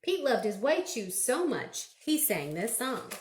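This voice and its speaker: Female storytime reader, high register, very measured pace, expressive and interactive delivery for small kids, roomy echoing sound. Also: a little hiss or hum. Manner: animated, slow and deliberate questioning with exclamations. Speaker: children's librarian reading picture books at storytime. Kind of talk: interactive read-aloud for young children, with sung refrains.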